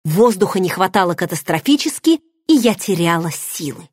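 Expressive woman narrating an audiobook. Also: on the low side, moderate pace, slightly rough, dry recording, clean studio sound. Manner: expressive, dramatic storytelling. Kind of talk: first-person audiobook narration.

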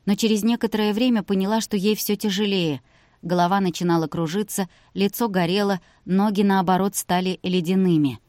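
A woman narrating a novel in a steady, even storytelling voice. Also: mid-range voice, a little fast, dry recording, clean studio sound. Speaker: audiobook narrator. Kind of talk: scripted narration.

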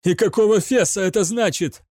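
A man voicing a frightened young male cadet who stammers and shouts in panic. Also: high-pitched, brisk, no echo, clean studio sound, pitched above the performer's own voice, lightly acted. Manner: panicky outbursts.

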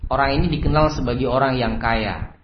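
A man's voice: mid-range voice, a little fast. A man, preaching a sermon as a story, who keeps repeating a set blessing phrase. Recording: roomy, slightly dull recording with faint noise.

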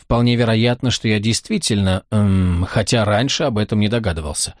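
A man narrating a first-person audiobook in a dry, ironic, measured way. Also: lowish voice, dry recording.

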